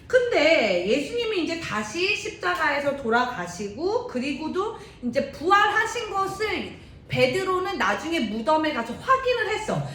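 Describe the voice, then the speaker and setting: Lively woman retelling a Bible story. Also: moderate pace. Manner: lively, chatty, asks the class questions. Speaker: Bible teacher for youth. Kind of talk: animated Bible storytelling lesson. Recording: roomy echo, faint rumble.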